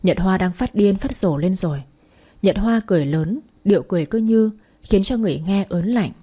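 A woman's voice: mid-range voice, expressive, normal speed, warm tone, slightly rough. A woman narrating a dramatic story in the first and third person, voicing all the characters herself.

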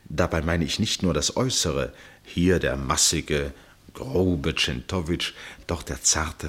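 Male narrator for a radio play, really low husky voice, measured and full of suspense. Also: a bit bright, full character voice. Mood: reflective. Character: male first-person narrator, absorbed witness of a chess match.

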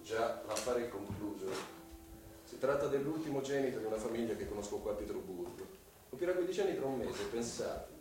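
A man's voice: medium pitch, expressive, noisy background, close to an everyday voice. A man playing insinuating Svidrigailov in echoing radio drama. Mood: lewd, self-satisfied. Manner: theatrical, insinuating, with drawn-out pauses and sudden hushed words. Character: scheming, lecherous widowed male landowner, insinuating and self-justifying. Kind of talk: Italian radio drama acting. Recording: very echoey, distant voice over music.

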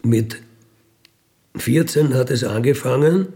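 A fifty-one-year-old Austrian-accented career criminal narrates his life story without a script, speaking in a colloquial, matter-of-fact way and often finishing statements with a questioning tag. His mid-range voice has a dark tone and moves at a slow pace.

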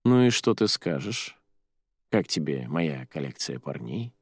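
A man reading the part of a sharp-tongued young woman student, with quick sarcastic retorts, in an audiobook. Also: rumbling low, sing-song, gravelly, husky, no echo, clean studio sound, pitched below the performer's own voice, heavily acted. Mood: wry.

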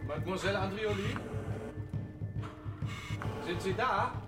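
An actor playing a polite police commissioner who speaks in a soothing, courteous way in a radio play. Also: male voice, high voice, a little slow, over loud music. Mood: concerned.

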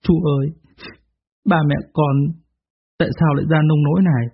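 Man voicing a young grieving son, husky. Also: a little high, steady tone, a little fast. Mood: pleading. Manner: anguished, pleading. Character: young male student, grieving careless son. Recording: tinny phone-like sound.

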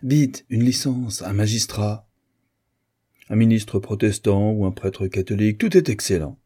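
A man reading an audiobook, voicing a lively, frank divorced American woman in a brisk, animated manner with a husky voice. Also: fairly low pitch, voice pushed up. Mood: playful.

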